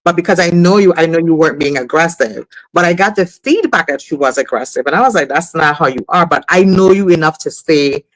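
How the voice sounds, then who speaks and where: A woman's voice: low-pitched, expressive, a little fast, hardly any pauses, no room sound, rough recording. Woman talking in dry sound. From US Virgin Islands. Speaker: talk show co-host. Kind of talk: casual conversational commentary.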